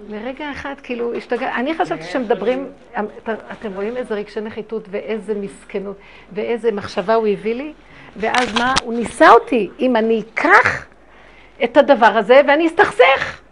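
A middle-aged woman giving a spiritual talk to an audience, telling her stories emphatically and dramatically, with big swings in loudness. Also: on the high side, gravelly. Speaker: religious speaker.

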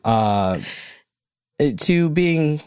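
A man hosting a podcast interview in a studio, chatting loosely and joking, with sudden jumps into a high voice. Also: sing-song, very slow, darkish tone, clear, resonant tone, dry recording. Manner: loose, rambling, jokey, with pitch jumping up high. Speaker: podcast host. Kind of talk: casual interview chat. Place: recording studio.

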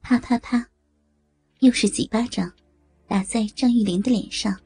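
A woman telling an audio story in steady, even narration. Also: a little high, moderate pace, slightly rough, no echo, faint music behind.

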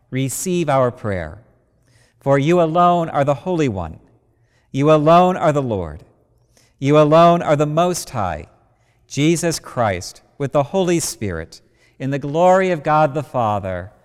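A man leading worship as a priest, intoning prayers in a slow, measured way, heard with a cathedral echo in a large church. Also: fairly high pitch, very animated, clear, resonant tone. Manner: slow, measured intoning with rising and falling phrases. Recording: long cathedral reverb.

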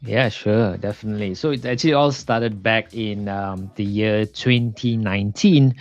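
A man's voice: fairly low pitch, moderate pace, muffled recording. Malaysian man telling his story. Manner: hesitant, many fillers and restarts. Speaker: podcast guest, entrepreneur coach. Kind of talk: casual interview storytelling.

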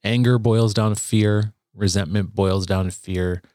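Low-voiced man, reflective and halting. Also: steady tone, a little mellow, no echo, clean studio sound. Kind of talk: casual faith talk.

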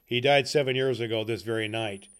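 A man's voice: medium pitch, steady tone, fairly quick, fairly bright tone, smooth, natural voice. A man doing Scrooge, a stern crotchety old miser. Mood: grumbling. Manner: stern, growling, curt. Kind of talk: storybook reading.

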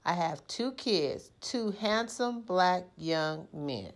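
A woman from California, a guest mother, speaking calmly and deliberately. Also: lowish voice.

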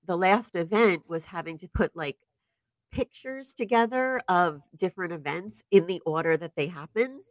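A woman in her forties co-hosting a podcast, telling stories in an animated, casual way and laughing often. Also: on the low side, normal speed, no room sound. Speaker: podcast co-host. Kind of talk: casual chat. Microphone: podcast microphone.

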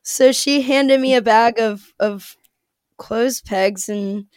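A woman's voice: on the high side, slow, a little mellow, smooth, no room sound, clean studio sound. A woman from the Midwest, chatting casually as a podcast guest and laughing as she tells stories. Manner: chatty, laughs often while telling stories. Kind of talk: casual chat.

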